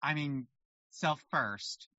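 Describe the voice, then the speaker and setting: A man hosts a podcast interview with a bright, crisp-edged voice. He reflects back what his guest says and asks questions in an affirming, encouraging way. The sound is dry and a little muffled. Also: on the high side, very slow, dry recording. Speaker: podcast host.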